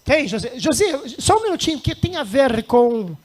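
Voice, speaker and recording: A man's voice: very high-pitched, big pitch swings, normal speed. A man hosting a podcast interview, playful and teasing, steering the talk and calling on his crew. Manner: playful, teasing, directs the show. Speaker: podcast host. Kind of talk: casual interview, joking asides.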